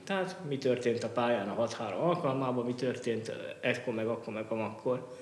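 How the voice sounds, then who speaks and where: A man speaking reflectively as an interview guest, in long winding sentences with some repeats. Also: mid-range voice. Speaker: guest, football historian and author. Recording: echoey, reverberant room with clear noise.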